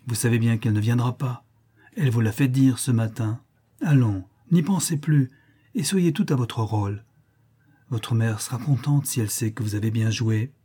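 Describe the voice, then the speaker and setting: A man reading aloud the lines of an old nun who gently but firmly consoles a child in a storybook reading. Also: mid-range voice, normal speed, slightly rough, natural voice. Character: stern old nun consoling a little girl.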